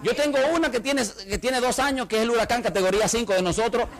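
A male pastor delivers a funny, lively sermon in church, firing rhetorical questions at his congregation. His voice is very high and his delivery is fast.

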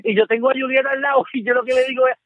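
A Puerto Rican man calling into a show, telling a story in an animated way and repeating "te lo juro" and "¿ok?". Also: very high voice, rapid-fire, dry recording. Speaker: caller. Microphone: phone. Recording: tinny dry phone line.

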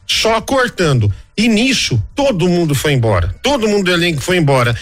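A man from Brazil telling a story casually on the radio, acting out other people's lines with big jumps in pitch. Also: brisk. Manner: animated, acts out quoted voices with big jumps in pitch. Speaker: radio reporter.

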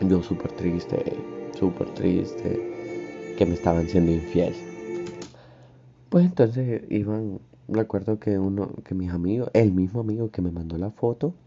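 A young man with a Honduran accent telling a personal story in a casual, slangy, animated way. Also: fairly low pitch, husky. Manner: animated, slangy, acts out his own crying. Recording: dull lo-fi recording, faint music.

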